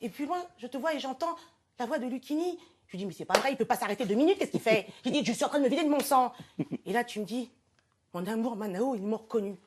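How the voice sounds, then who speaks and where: A woman's voice: on the high side, lively intonation, quick pace, background noise. A woman who is a regular on the show, giving a playful, theatrical comic tribute to a guest. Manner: playful, theatrical, self-mocking. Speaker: regular portrait presenter. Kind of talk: comic scripted tribute monologue.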